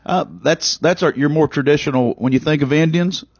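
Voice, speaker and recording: A man's voice: a little high, fairly quick, dry recording. Man, game warden guest, dry dull sound. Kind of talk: casual interview answers.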